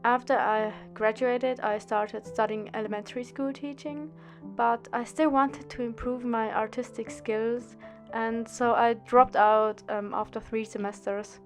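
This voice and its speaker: Young woman, somewhat high voice, careful scripted voice-over, soft guitar music faintly behind. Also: unhurried. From Austria. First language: German. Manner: careful, steady, read-out delivery. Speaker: art student and drawing channel host. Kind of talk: scripted voice-over narration for a drawing video.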